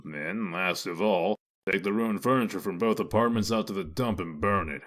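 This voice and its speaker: Casting: low-voiced male actor as tough wolfish lawman for a comic dub; deadpan, commanding, bitingly dry. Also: normal speed. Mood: brisk, commanding. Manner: sardonic, deadpan, authoritative. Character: gruff, sardonic werewolf lawman, commanding and dry. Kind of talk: dramatic comic-dub voice acting.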